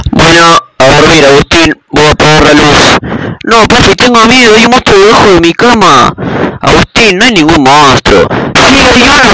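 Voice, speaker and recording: A man with a Rioplatense Spanish accent voicing assorted comic cartoon characters in an exclamatory, bouncy cartoon style. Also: on the high side. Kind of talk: animated cartoon dub voices. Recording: loud background noise.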